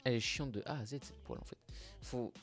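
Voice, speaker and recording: A man's voice: medium pitch, fast, a bit bright, soft background music. A young man hosting a casual reaction video, talking in slang, sounding exasperated and mumbling asides.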